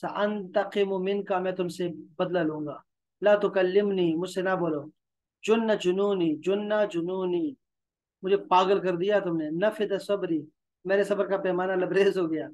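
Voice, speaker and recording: A man's voice: high-pitched, steady tone, moderate pace, a little mellow. A man with a Pakistani Urdu accent teaching a language class. He reads each phrase aloud, explains it, and coaxes the students with repetition. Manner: coaxing, repeats himself. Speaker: Arabic teacher. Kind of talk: classroom lesson.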